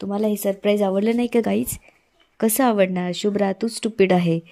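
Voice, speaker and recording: A scheming young woman from a TV serial, a villainess who plots with quiet menace, as a woman narrator reads her lines. The voice stays level and flat, with a mellow, dark tone. The sound is close and dry. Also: medium pitch, a little fast, creaky, dry recording, close to an everyday voice. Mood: gloating. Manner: read in the narrator's own even voice.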